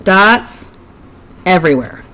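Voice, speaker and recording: A woman's voice: fairly low pitch, expressive, slow pace, bright, forceful tone, a little hiss or hum, poor audio. A woman teaching a recorded math lesson, chatty, with self-deprecating asides.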